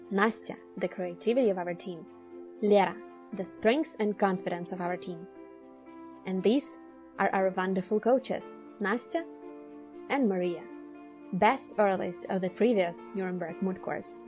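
A young woman narrating a team introduction video in a bright, promotional way. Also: mid-range voice. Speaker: student team presenter.

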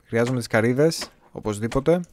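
A young man from Greece giving casual, chatty gameplay commentary, talking to viewers with a slightly hoarse voice. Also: medium pitch, a little hiss or hum. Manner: chatty, talks to viewers, jokey self-talk. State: voice a bit hoarse, clearing throat.

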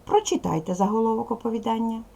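A woman teaching a primary school class in a recorded video lesson, speaking clearly and patiently straight to the pupils. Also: a little high, fast, dark tone.

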